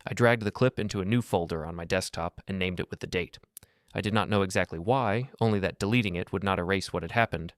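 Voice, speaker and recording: Deep-voiced man narrating calmly. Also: no echo, studio quality. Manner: calm, measured and even. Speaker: storyteller. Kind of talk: scripted first-person narration.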